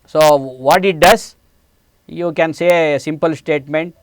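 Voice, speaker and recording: A man's voice: a little high, steady tone, a little slow, a little hiss or hum. A man in his forties with an Indian English accent, giving a programming lecture step by step with many hesitant fillers. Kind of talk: classroom lecture. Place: studio set, indoors.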